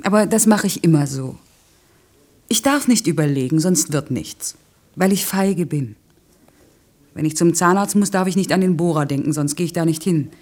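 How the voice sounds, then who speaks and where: An actress in a naturalistic radio play portrays a headstrong, defensive working-class woman, curt and dryly self-mocking. Her husky voice sits low with a darkish tone at normal speed, sounding stubborn and earnest.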